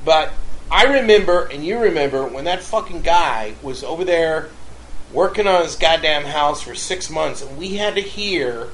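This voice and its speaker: A man casually telling a long, profane story and ranting loudly as he acts out shouting matches. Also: on the high side, expressive, normal speed, a little hiss or hum, poor audio.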